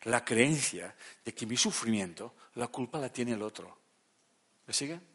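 A man giving a lecture as a therapist, talking conversationally and often checking that the audience is following, dropping soft and low then rising into loud emphatic bursts. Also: expressive, a little slow, husky.

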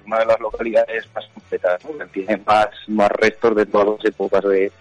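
A man's voice: lowish voice, little pitch movement, a little fast, no room sound. A man, a town mayor, talking casually in a radio interview over a telephone line that keeps cutting in and out. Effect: choppy, breaking-up phone connection.

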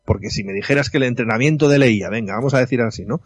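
A man in a casual film discussion, talking in an animated, indignant, informal way. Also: medium pitch, racing, dry recording. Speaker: film commentator.

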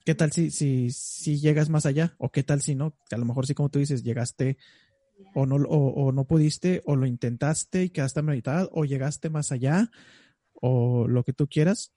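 Young man, Mexican accent, casual co-host, warm mellow voice, dry close sound, lively storyteller. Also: fairly high pitch, normal speed, dry recording. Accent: Mexican Spanish. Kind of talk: casual chat.

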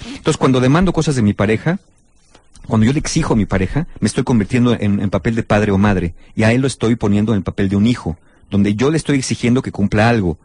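A man, hosting a talk show and explaining relationship advice in an animated way. He keeps stepping into little acted-out scenes of what people say. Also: fairly low pitch, quick pace, slightly rough, no room sound. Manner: animated, acts out short quoted scenes. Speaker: host.

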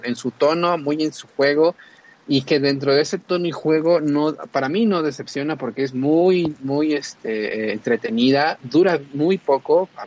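Man, mid-pitch, chatty film reviewer who trails off and restarts, muffled lo-fi recording. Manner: rambling, many fillers and restarts. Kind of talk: casual film review chat.

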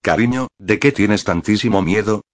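A man's voice: lowish voice, normal speed, no room sound, close to an everyday voice. A man reading as a weary, teasing bearded father. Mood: gentle. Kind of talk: audiobook reading.

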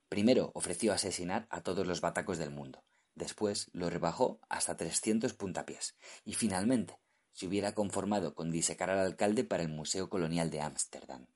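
Low husky male audiobook narrator. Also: normal speed.

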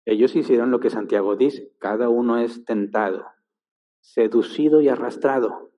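A man's voice: medium pitch, moderate pace, mellow. A man preaching a sermon, emphatic and full of rhetorical questions. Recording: long-reverb hall, dull lo-fi sound.

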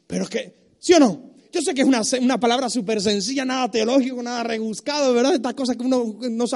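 A man preaching a sermon as pastor of a church, passionate, mimicking complainers and building to shouts. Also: high voice. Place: church service.

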